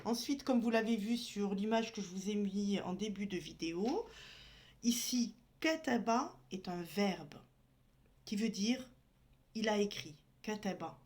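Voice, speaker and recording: Woman teacher, unhurried, patient, walks through letters one by one while writing. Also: medium pitch, darkish tone. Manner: patient, spells out each letter and sound. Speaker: Arabic teacher. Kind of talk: slow step-by-step lesson.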